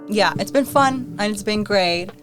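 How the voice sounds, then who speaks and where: A woman's voice: mid-range voice, a little slow, music in the background. A woman in her twenties, a podcast co-host, chatting casually and rambling with lots of fillers. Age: 20s. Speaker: podcast co-host, student union president. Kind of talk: casual chat.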